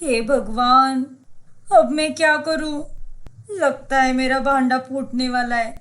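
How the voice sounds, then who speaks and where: A young daughter-in-law from a cartoon story who is keeping a secret, played by a woman. Her voice rides a little high and moves lively up and down. Her anxious mutters to herself sit beside polite, careful replies. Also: unhurried. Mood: nervous.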